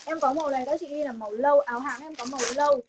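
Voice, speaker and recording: A young woman with a Northern Vietnamese accent giving a casual live sales pitch for clothing, insistent and repetitive, with emphatic promises to viewers. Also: rapid-fire, darkish tone, slight background noise. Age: young adult. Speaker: online clothing seller hosting a livestream sale. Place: room stacked with clothing stock, indoors.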